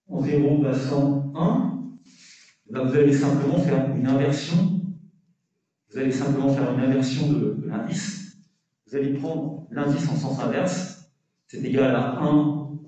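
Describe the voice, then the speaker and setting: A man's voice: medium pitch, warm tone. A man lecturing through a face mask, explaining calculations step by step, correcting himself and checking with questions. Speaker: university lecturer. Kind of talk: statistics lecture with worked calculations. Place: lecture room with students. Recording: muffled, very echoey lecture room, distant mic.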